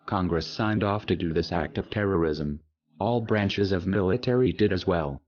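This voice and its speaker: Anonymous male narrator, disguised pitched-down voice, very deep, grave declaring tone, muffled lo-fi sound. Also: normal speed, a little mellow. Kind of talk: scripted conspiracy narration. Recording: dull lo-fi audio.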